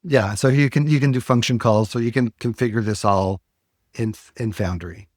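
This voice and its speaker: A man hosting a podcast, walking through a software demo in a casual, explanatory way with frequent fillers. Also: mid-range voice, normal speed, no room sound, studio quality. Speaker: podcast host.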